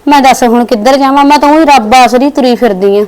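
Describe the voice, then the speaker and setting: A woman's voice: high-pitched, fast, natural voice. A woman playing a pleading childless Punjabi wife. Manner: pleading, plaintive. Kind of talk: village family drama.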